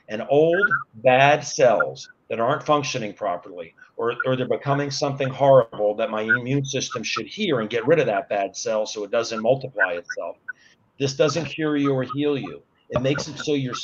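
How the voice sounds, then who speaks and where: A man's voice: medium pitch, lo-fi sound, background noise. A man in his sixties, a guest on an online talk show, earnestly explaining things step by step. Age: 60s.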